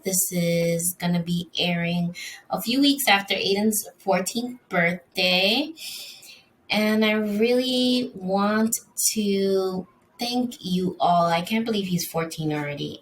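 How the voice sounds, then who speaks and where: A woman's voice: lowish voice, slow, far from the mic, slight background noise, low-quality recording. A middle-aged woman hosting her solo podcast in an upbeat, chatty way, with plenty of ums and uhs. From Dominican Republic. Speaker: podcast host. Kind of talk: casual solo podcast monologue.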